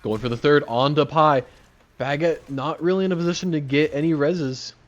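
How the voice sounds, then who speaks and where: A man's voice: fairly high pitch, fairly even intonation, normal speed, lo-fi sound. A man casting an esports match as play-by-play commentator, joking and laughing between calls. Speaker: esports caster.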